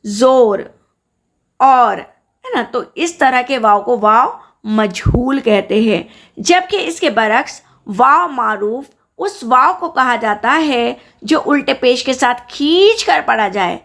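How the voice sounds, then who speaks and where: Woman teacher going slow over grammar, kinda high voice, says every example word twice. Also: animated, fairly bright tone. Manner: slow, careful, repeats example words with stress. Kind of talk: grammar lesson.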